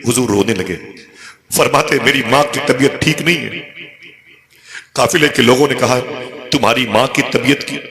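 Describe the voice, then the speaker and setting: A man telling a religious story in a sermon, impassioned and rising to near-shouts on the pleas. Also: medium pitch, moderate pace, pauses often. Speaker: preacher. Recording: echoey hall with live crowd. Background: crowd.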